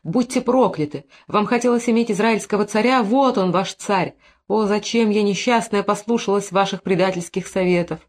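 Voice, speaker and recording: A woman voicing a grieving, distraught young mother whose speech is shrill, wailing and frantic, in an audiobook reading. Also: fairly quick, mellow, close to an everyday voice. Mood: anguished.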